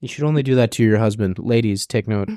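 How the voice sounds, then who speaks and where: A woman's voice: a bass voice, fast talker, dark tone, dry recording, clean studio sound. A woman co-hosting a podcast in casual chat, who makes crude jokes and acts out characters in silly voices. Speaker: podcast co-host.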